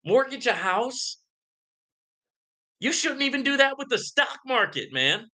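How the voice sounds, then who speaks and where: Hosting a live Q&A stream, a man rants and comments in an emphatic, preachy style, often ending points with "right?" and sprinkling in "man." His voice is extremely high, swings widely in pitch, and sounds pushed and bright at an unhurried pace.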